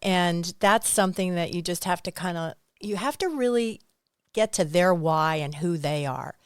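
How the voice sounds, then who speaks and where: A woman's voice: on the low side, normal speed, smooth, no echo, studio quality. A middle-aged woman, a real estate agent and coach, chatting in an interview, rambling into asides and laughing often. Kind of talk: casual interview chat.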